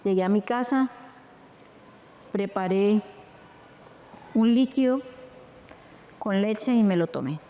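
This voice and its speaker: Smooth-voiced Colombian woman telling her story. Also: medium pitch, slow, long pauses, lo-fi sound. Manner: lively, animated retelling with quoted dialogue. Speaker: interview guest. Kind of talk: personal storytelling.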